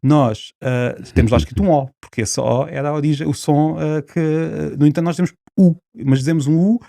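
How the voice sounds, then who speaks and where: A man's voice: fairly high pitch, brisk, vocal fry, mellow, no room sound. A man with a European Portuguese accent, a linguist guest on a podcast, explaining at length with many fillers and restarts.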